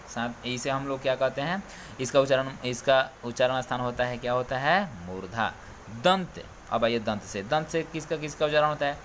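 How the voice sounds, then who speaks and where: A male coaching teacher drills students on Hindi sounds, repeating each letter and saying "ठीक है" often to check in. His voice is a slightly bright, ordinary middle pitch, with a faint background hiss under the recording.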